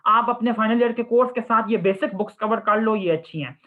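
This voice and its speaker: A man's voice: sits high, a little fast. Young guy doc answering student questions, mixes in english, keeps saying okay, sounds like a phone line. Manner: mixes English phrases into Hindi-Urdu, calls listeners 'children'; repeats 'ठीक है' often. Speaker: surgery postgraduate resident answering students' questions. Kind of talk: casual advice session. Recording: phone-like narrow audio.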